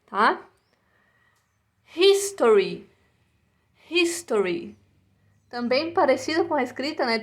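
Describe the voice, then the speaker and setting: A woman teacher records a lesson for young pupils. Her voice sits fairly high and she takes her time, saying each word twice and checking in with little tag questions. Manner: slow, repetitive pronunciation drills with frequent "tá?" and "né?". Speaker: English teacher. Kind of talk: recorded online lesson for children.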